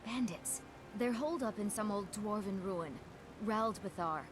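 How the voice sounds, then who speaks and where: A woman's voice: mid-range voice, unhurried, close to an everyday voice. An actress playing a bitter, vengeful jilted woman in a fantasy video game, with intense, emphatic phrasing. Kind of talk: dramatic video game voice acting. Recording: game audio with clear background noise.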